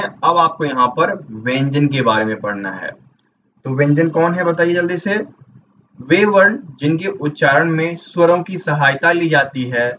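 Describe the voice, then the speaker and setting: A man's voice: on the high side, a bit bright. Man teaching grammar to exam students. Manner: explains step by step, asks and answers his own questions. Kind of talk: exam-prep grammar lesson. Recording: dull distant mic with faint noise.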